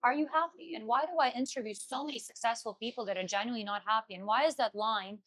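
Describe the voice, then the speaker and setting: A young woman hosts a live event interview, quick and eager, gushing over her guest. Her voice sits a little high for a woman, and the words tumble out at a fast clip. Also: fairly bright tone. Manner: enthusiastic, gushing, fast-talking. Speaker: interview host.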